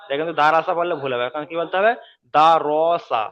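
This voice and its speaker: A man's voice: a little high, rapid-fire, fairly bright tone, lo-fi sound. A man teaching Quran letter pronunciation in an online class, patiently repeating letters and syllables. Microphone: video call.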